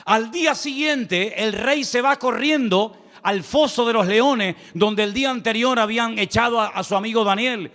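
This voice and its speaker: A man's voice: normal speed, a bit bright. A middle-aged man preaching a sermon, telling stories and addressing the congregation as brother. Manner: storytelling preacher who addresses listeners as brother and swings his pitch widely. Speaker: pastor. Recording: long hall reverb.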